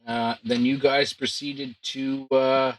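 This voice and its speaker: A man acting as game master, recapping a tabletop adventure with relaxed, filler-heavy banter. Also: mid-range voice, takes it slowly, dry recording, poor audio.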